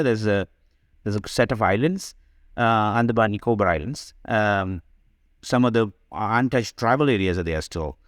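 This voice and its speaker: On a podcast, a man from Sri Lanka who co-founded a digital health company explains his answers in a conversational way, frequently adding "right?" to check in. His pitch is medium, and the studio-quality audio has no room sound.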